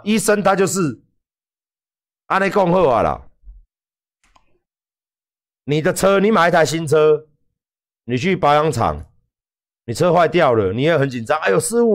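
Loud, foul-mouthed Taiwanese man. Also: on the high side. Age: 40s. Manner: loud, profane, animated. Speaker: livestream host. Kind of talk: livestream rant to viewers.

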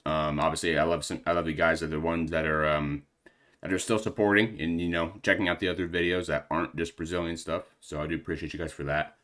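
A man's voice: extremely low pitch, fairly even intonation, fast, a bit bright. A young man hosting a reaction video in casual, rambling chat, slangy and full of fillers, a bit out of breath.

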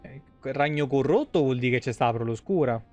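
Soft background music plays while the young streamer, mid-range and at normal speed, swears through casual gameplay commentary. Streaming live from a small room at home, he reacts animatedly to the game and chat.

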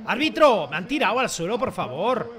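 Un streamer con acento de España que comenta su partida a gritos, repitiendo palabras en ráfagas. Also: male voice, high-pitched, lively intonation, a little fast, a crowd in the background. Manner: shouts and repeats words in bursts. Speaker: gaming streamer. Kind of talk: excited gameplay commentary.

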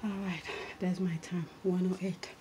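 A woman's voice: fairly low pitch, level tone, moderate pace, background noise. A woman vlogging at home, out of breath and tired after a workout, talking casually. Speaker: vlogger and mother.

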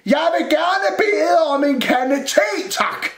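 A man voicing a small, grumpy male Christmas elf who shouts in a high, irritable voice. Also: big pitch swings. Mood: shouting angrily. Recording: roomy echo.

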